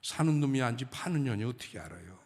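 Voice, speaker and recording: A man's voice: mid-range voice, lively intonation, fast, darkish tone, big-room sound, lightly acted. A man voicing a blunt old countryside grandmother who sells watermelons and gives curt, roundabout answers.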